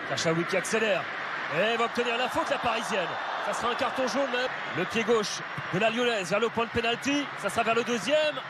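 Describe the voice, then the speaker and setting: A man giving excited live football commentary, play by play, shouting at big moments. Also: very high voice, brisk. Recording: loud stadium crowd noise. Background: roaring stadium crowd.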